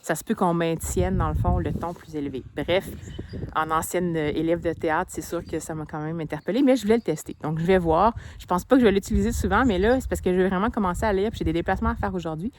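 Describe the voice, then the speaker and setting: Chatty Québécoise vlogger, low voice. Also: female voice, fast, darkish tone, slight background noise. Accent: Québécois French. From Quebec. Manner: chatty, explanatory. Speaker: book vlogger. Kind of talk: casual vlog chat. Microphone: handheld phone.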